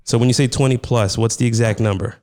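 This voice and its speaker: A man's voice: medium pitch, fairly even intonation, fast talker, a little mellow, dry recording, studio quality. A man hosting a show, chatting casually and putting questions to his guest. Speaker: show host, interviewer. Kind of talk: casual interview chat.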